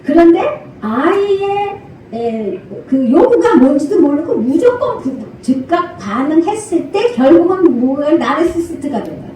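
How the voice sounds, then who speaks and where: An older woman pastor preaching a sermon, animated, acting out parent and child voices and laughing often. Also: high voice, measured pace, slight background noise. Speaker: senior pastor. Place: church sanctuary. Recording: echoey church hall from far off.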